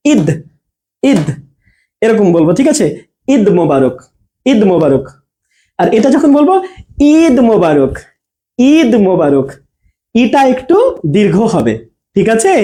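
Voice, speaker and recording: A male teacher runs a spelling and pronunciation class with a mellow, dark tone. He checks in with the class again and again and answers his own questions. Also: extremely high pitch. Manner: explains patiently, asks the class questions and answers them. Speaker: Bangla teacher. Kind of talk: online class lesson reading viewer comments.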